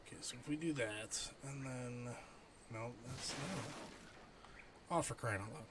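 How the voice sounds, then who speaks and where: A middle-aged man livestreams a game at a slow pace, his medium-pitched voice thinking aloud and chatting casually with viewers. Background noise runs under the stream.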